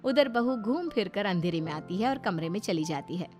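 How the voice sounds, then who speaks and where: A woman narrating a family drama story in a low, steady storytelling voice. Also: normal speed, faint music behind.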